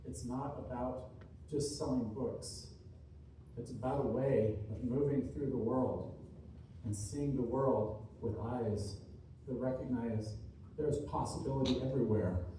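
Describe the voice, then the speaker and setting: A man delivers a motivational keynote to a live audience in a large, very reverberant seminar room, captured from a distance with faint noise. His middling-pitched voice is very soft-edged and dark. He speaks earnestly and deliberately, building short phrases through repetition and emphasis.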